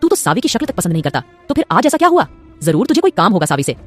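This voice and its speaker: A woman's voice: mid-range voice, big pitch swings, rapid-fire, soft background music. A woman voicing a stern older father who scolds and lectures his grown son in an audio drama. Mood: scolding, explaining.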